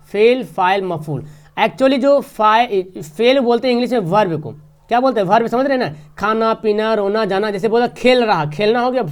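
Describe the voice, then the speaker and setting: Male teacher quizzing his students. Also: high-pitched. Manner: quizzes students with repeated questions; explains step by step, repeating key terms. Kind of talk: online exam-prep grammar lesson.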